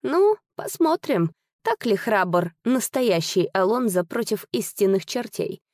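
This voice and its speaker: A woman voicing a masked male trickster cavalier who speaks in a high, mocking, bitter tone. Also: sing-song, unhurried, a little mellow, no echo, studio quality.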